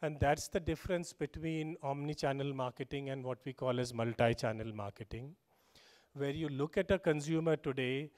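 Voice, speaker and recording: A man's voice: mid-range voice, a little mellow. Indian man giving a keynote at a podium. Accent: Indian English. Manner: measured, with frequent "you know" fillers. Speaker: keynote speaker. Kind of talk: conference keynote speech. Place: large conference stage, indoors. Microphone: podium microphone.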